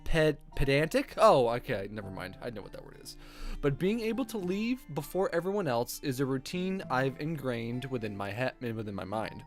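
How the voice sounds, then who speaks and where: A man streamer reads visual novel text aloud in an expressive, mid-range voice at a moderate pace. He drops in wry, joking, sweary casual asides. Background music with guitar plays under his voice.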